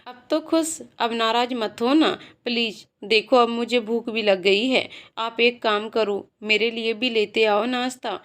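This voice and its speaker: A woman's voice: fairly high pitch, measured pace, few pauses, a bit bright. A woman voicing a cheerful young male college student who talks in a playful, coaxing, polite way.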